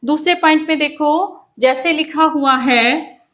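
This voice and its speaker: A woman teaches a grammar lesson at an unhurried pace. Her voice sits high, and she breaks each example into small pieces. She repeats her questions to the students before giving the answer herself. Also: sharp tone.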